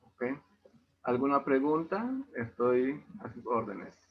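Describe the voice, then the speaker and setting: Over a tinny video call, a man with a Yucatecan Spanish accent teaches an online language lesson, explaining things patiently. His medium-pitched voice has a breathy edge, and he takes his time.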